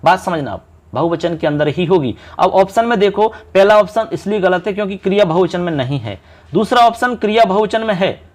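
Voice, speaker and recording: A male Sanskrit tutor with a fairly high voice explains exam questions in a quick, friendly way. He talks straight to his students, calls them friends, and slows down to count syllables and stress each right answer. It sounds like a casual online coaching class. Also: expressive. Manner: brisk, chatty teacher addressing students as friends. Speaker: Sanskrit teacher. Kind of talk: exam-prep online lesson.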